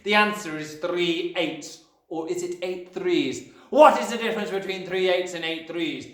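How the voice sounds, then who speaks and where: A man's voice: high voice, expressive, a little slow, a bit bright, reverberant, pitched above the performer's own voice. A man voicing a huge, bullying, furious headmistress who bellows insults with theatrical scorn in a storybook reading. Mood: scornful, barking.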